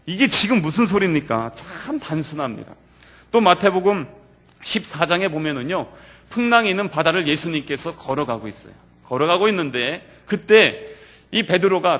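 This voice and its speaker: A male pastor preaches in a church, his voice sitting a little high for a man. He tells the story with animated delivery and often swings from loud to quiet. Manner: animated storytelling that acts out quoted lines. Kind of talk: sermon to a youth service. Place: church sanctuary.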